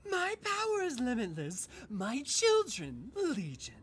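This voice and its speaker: A streamer voicing Garuda's kind of figure, a maniacal, haughty female wind goddess, with theatrical, drawn-out delivery. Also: mid-range voice, huge pitch swings, a bit bright, breathy edge, voice pushed up, heavily acted. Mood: imperious gloating. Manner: theatrical, over-the-top, drawn-out imperious delivery.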